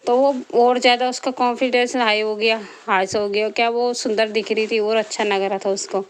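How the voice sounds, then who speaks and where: A woman's voice: fairly high pitch, little pitch movement, moderate pace, clear, resonant tone. A woman vlogger telling a story from her life and giving earnest moral advice, repeating herself often. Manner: repetitive, earnest, preachy.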